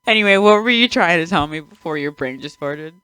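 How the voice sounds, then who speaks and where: Giggly young woman, bright dry voice. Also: on the low side, expressive, brisk, smooth, no room sound. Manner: giggly, teasing, laughs often. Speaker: podcast co-host. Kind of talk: casual chat.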